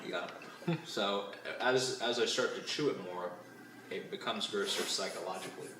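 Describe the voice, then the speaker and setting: A man's voice: on the low side, normal speed. A young man hosting a casual food taste test, rambling with many fillers and laughing often as he chats. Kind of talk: casual chat. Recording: echoey, distant, noisy room.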